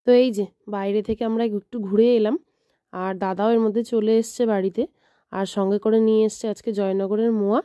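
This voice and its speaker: Bengali-accented woman chatting thru her family vlog, casual home narration on a phone, mid-pitched voice. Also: fairly even intonation, a little fast, dry recording. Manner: coos high and sing-song to a baby; speaks hushed and low in the morning. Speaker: vlogger.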